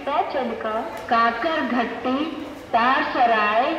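A woman giving an automated train announcement over a station loudspeaker, in a steady, unhurried cadence. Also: on the high side, lo-fi sound. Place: railway station platform. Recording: echoey loudspeaker in a large station hall, heard from far off, with noise.

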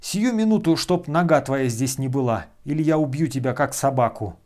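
A man voicing a gentle-natured nobleman who shouts in rage. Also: mid-range voice, normal speed, natural voice. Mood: furious. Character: gentle nobleman driven to fury.

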